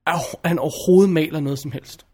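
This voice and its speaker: A man's voice: fairly high pitch, a little mellow, breathy edge. A man reviewing a film in casual chat, blunt and opinionated, often restarting his sentences.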